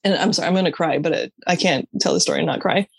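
A woman's voice: sits low, rapid-fire, creaky, husky, no echo. A woman telling her personal faith story as an interview guest, earnest and candid, stopping and restarting her sentences and laughing now and then. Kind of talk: personal faith testimony in conversation.

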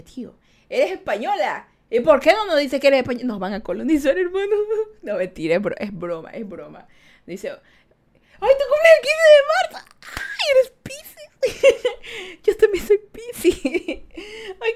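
Chatty woman in her twenties. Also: a little high. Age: 20s. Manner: chatty and teasing, laughs often. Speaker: streamer reading live chat. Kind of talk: casual chat.

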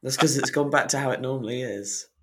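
A man's voice: medium pitch, fast. A man co-hosting a casual chat whose voice sounds very echoey and hollow, as if at the bottom of a toilet, through a badly placed call mic. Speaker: podcast co-host. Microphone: badly placed computer mic on a voice call. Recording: echoey hollow mic with loud background noise.

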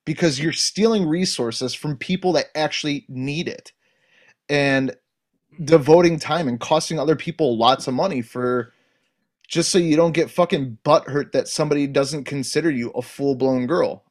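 A man with a somewhat high-pitched voice talks in a relaxed podcast chat. He is blunt and emphatic and swears freely as he makes his points. His delivery is forceful and opinionated throughout. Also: normal speed.

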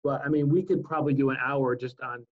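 A man in his forties co-hosting a casual talk show, telling stories in an easygoing way with halting fillers. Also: medium pitch, fairly even intonation. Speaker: co-host. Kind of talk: casual chat. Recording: dull lo-fi sound.

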